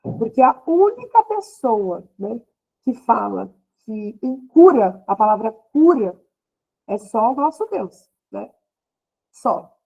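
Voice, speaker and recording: High-pitched woman, 30s, heartfelt church testimony, muffled lo-fi sound. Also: sing-song, slow, creaky, dark tone. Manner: emotional, repeats "né?" often, voice rising in quoted speech. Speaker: speaker giving a testimony. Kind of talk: church testimony to a women's group. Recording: slightly dull lo-fi recording.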